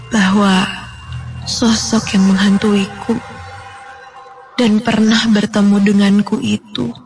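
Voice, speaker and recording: A woman narrating a first-person horror story in a dramatic way, her voice climbing high with fear at the tense moments. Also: a little mellow, rough recording. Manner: dramatic, rising to frightened high pitch. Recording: music playing behind the voice.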